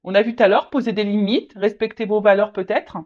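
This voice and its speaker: Woman tarot reader talking straight to the viewer, hesitant and repetitive, mid-pitched, muffled home recording. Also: fairly even intonation, a little mellow. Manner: halting, repeats words, many fillers; speaks directly to the viewer. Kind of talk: casual tarot reading to camera. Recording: slightly dull lo-fi audio.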